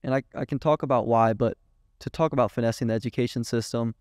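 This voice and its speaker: Young male guest, lively storyteller, casual and profane, dry close sound. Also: mid-range voice, quick pace, no room sound. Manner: animated, swearing, quoting others in dialogue. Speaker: guest, agency owner.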